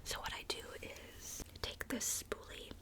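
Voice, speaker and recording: Woman whispering chatty ASMR makeup talk. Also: a little slow. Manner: soft chatty whisper with filler likes. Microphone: close camera mic, handheld filming.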